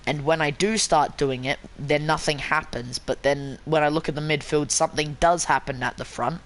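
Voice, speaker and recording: A man's voice: a little high, steady tone, moderate pace, fairly bright tone. A man commentates a live sim race from his desk mic in the small hours. His talk wanders, stumbles and restarts, full of fillers and jokes at his own expense, and he sounds a bit tired. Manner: rambling, self-mocking, lots of fillers and restarts. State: tired late at night.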